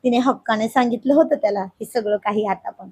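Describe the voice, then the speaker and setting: A hoarse woman with a husky voice narrating a romantic family story in a soft, unhurried way. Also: fairly high pitch.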